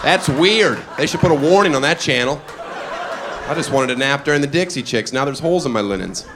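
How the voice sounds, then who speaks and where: A male stand-up comic with a slightly high voice, dropping deadpan one-liners and now and then bursting out loud. He is on a club stage with a handheld mic, and steady crowd ambience sits under him. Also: fairly quick. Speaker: stand-up comedian. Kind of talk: stand-up comedy set. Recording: live club with audience noise.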